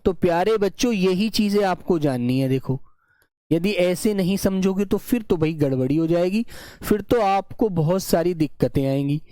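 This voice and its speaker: A man teaching an online grammar lesson, slowly dictating example sentences, repeating phrases and checking that his students follow. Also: high-pitched, animated, warm tone, no echo, clean studio sound. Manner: repeats phrases and keeps checking the class understands.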